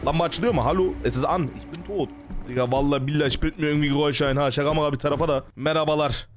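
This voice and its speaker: A man with a high voice talks through a horror game in a jumpy, panicky way, swearing and exclaiming as he goes. Game music plays faintly behind him. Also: steady tone, racing. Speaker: gaming streamer. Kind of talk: horror game let's play commentary.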